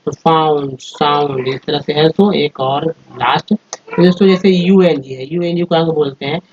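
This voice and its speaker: A man's voice: fairly high pitch, fairly even intonation, a little slow, a little hiss or hum. A man teaching English phonics over slides, patiently spelling out letters and sounding out words one by one. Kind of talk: slide-based phonics lesson. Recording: dull lo-fi recording.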